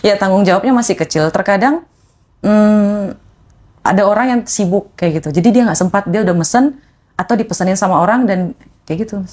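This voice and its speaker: A woman, a podcast guest telling a personal story in animated conversation. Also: brisk. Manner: animated, acts out quoted voices with rising pitch.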